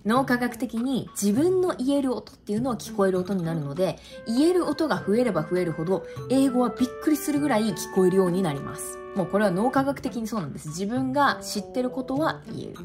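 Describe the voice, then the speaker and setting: A woman teaches pronunciation in a video lesson, speaking emphatically and straight to her viewers. Her voice sits a little high and swings widely in pitch. Background music runs steadily under her talk. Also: fast talker, few pauses. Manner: lively, emphatic, addresses viewers directly. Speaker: English teacher.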